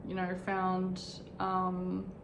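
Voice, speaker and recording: A woman's voice: on the low side, monotone, extremely slow, vocal fry, echoey room, noisy background. A woman in her twenties talking candidly and reflectively in a casual personal vlog, filmed in her bedroom at home. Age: 20s. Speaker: vlogger.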